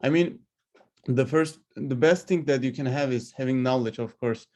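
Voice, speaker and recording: A man with a mid-pitched voice coaches listeners informally. He speaks English as a second language. His delivery is conversational and halting, thinking aloud and giving examples as he goes. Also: a little mellow. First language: not English. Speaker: speaker giving career advice. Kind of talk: informal unscripted coaching talk.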